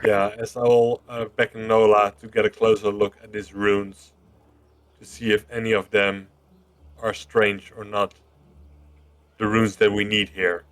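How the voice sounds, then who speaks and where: A man's voice: lowish voice, little pitch movement, measured pace, fairly bright tone, no room sound. A man chatting casually as a player in a tabletop role-playing game.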